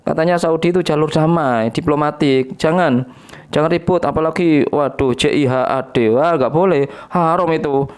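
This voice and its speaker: A nagging, preachy scold with a high, whining sing-song voice, put on by a man in mockery. He lectures people to stay calm and accept everything, his pitch lifted far above a normal speaking voice. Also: normal speed, clear, resonant tone, natural voice.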